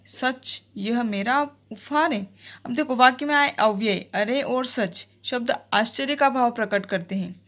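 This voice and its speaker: A woman teaching a Hindi grammar lesson, explaining step by step, checking in with her students, and reading out example sentences slowly and expressively. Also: fairly high pitch, a bit bright.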